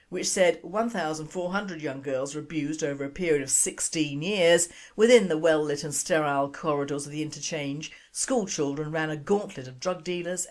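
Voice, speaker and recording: Low-voiced woman reading a news narration. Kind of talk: scripted narration.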